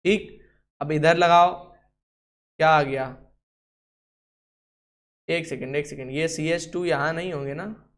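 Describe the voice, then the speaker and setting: Hindi-speaking man teaching chemistry, slightly high. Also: steady tone, slow pace, long pauses. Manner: asks the class questions and answers them himself; instructs someone writing on the board. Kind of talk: classroom lesson.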